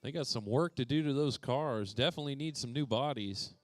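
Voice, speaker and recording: A man's voice: mid-range voice, brisk, dry recording. A man doing playful live commentary at an indoor RC racetrack, calling out drivers by name. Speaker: RC race announcer.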